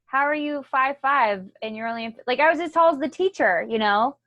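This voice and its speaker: A woman's voice: high voice, brisk, fairly bright tone. A young woman co-hosting a casual home podcast, chatting and teasing in an easygoing way, tired after a morning run. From Florida. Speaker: podcast co-host. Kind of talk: casual chat. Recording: dry, muffled lo-fi home recording.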